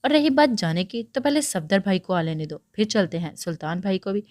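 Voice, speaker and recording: Brief: a curt, sharp-tongued cousin, voiced by the narrator. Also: female voice, medium pitch, no echo, studio quality, natural voice. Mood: dismissive. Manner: clipped, irritated. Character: stern young woman, sharp-tongued cousin.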